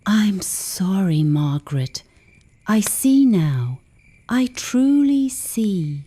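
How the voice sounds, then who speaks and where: A woman voicing a quiet, regretful middle-aged man who speaks softly and hesitantly. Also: mid-range voice, very animated, measured pace. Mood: remorseful.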